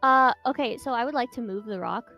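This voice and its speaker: A woman's voice: fairly high pitch, brisk, dull audio. A woman chatting casually as a player in a tabletop role-playing game. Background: faint music.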